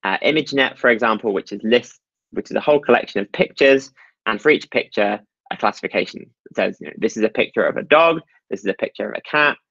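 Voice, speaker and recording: A man's voice: on the low side, lively intonation, fast talker, a bit bright, no room sound, highs cut off. A man giving a technical talk over slides at an online meetup, explaining step by step with frequent ums and uhs. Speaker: meetup presenter.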